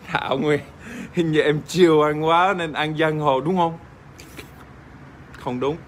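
An Australian man, native English speaker, joking crudely with fans in casual livestream chat, halting with fillers and swearing playfully. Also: fairly high pitch, steady tone, slight background noise. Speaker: livestream host. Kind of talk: casual livestream chat reading fan comments.

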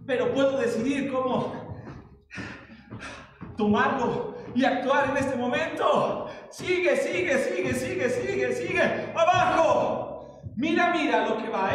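A Mexican man with a strikingly high voice leads an exercise class, calling out counts and moves at an unhurried pace. He sounds playful and coaxing, heard from a distance in a big hall with long, booming reverb. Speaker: fitness instructor. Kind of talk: live online exercise class. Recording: echoey hall from far off.

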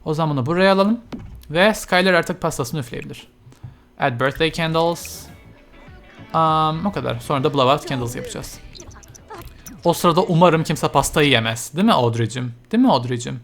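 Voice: mid-range voice, moderate pace, faint music behind. Chatty let's-player talking to game characters. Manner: chatty, talks to game characters, frequent exclamations; mixes English game terms into speech. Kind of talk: casual let's-play commentary.

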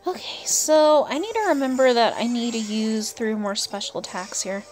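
A slightly mellow woman's voice on the high side keeps a moderate pace as she casually comments on her gameplay, talking to herself and the characters. She's the channel's host, recording an indoor voice-over with soft game music behind.

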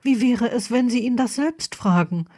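A commanding older headmistress, as a woman reader puts her on, formal and urgent. Her voice sits noticeably higher than the narration. She speaks as a figure in a read-aloud story. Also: normal speed, a little mellow, lightly acted. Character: stern but kind older female headmistress.

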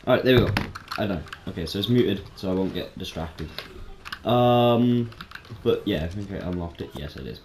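A man giving casual, chatty let's-play commentary as a game streamer, excitable and prone to sudden startled yelps. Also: low-pitched, normal speed. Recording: roomy echo, faint noise.

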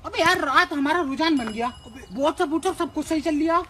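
A man in a comic sketch, delivering jokes deadpan. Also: very high voice, moderate pace. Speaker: comedy sketch performer. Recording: noisy, mic at a distance.

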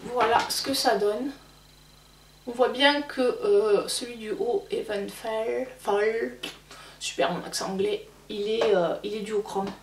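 A woman's voice: on the high side, fairly even intonation, measured pace, roomy sound, distant mic, slight background noise. A woman casually chatting through a makeup haul, hesitant and full of fillers. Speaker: beauty vlogger.

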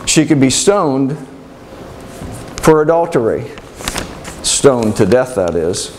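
Guy doing joseph the carpenter, earnest storyteller, slightly high voice, faint hiss behind. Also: low-quality recording. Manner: earnest, halting, emotional retelling. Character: Joseph, troubled carpenter, earnest adult man. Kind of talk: dramatic monologue storytelling.

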